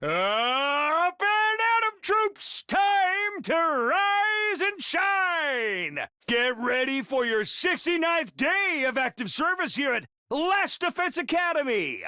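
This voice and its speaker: A brash, foul-mouthed mascot creature barks out a morning wake-up call like a drill sergeant. The voice sits high and leaps around wildly, stretching each shouted word slowly. The sound is dry and bright, right up against the mic. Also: sing-song, dry recording, full character voice. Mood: rowdy, pumped. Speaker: announcer. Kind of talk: game voice acting.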